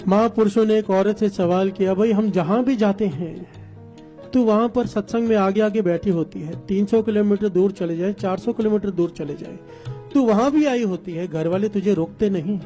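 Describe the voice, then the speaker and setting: Preacher guy with a high voice telling a story, soft music underneath. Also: normal speed, highs cut off. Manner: calls congregation to respond. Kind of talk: sermon storytelling.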